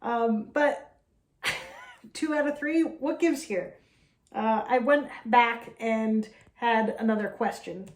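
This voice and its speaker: A woman's voice: on the high side, takes it slowly. An American woman hosting a vlog, chatty and self-deprecating with frequent fillers. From United States. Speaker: host. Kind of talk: casual vlog talk to camera. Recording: roomy echo.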